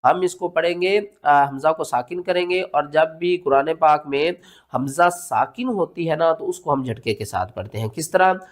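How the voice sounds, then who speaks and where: A man teaching Quran pronunciation step by step, spelling words letter by letter and chanting the verses slowly, asking and answering his own questions. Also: a little high. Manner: patient, explanatory, asks questions and answers them himself.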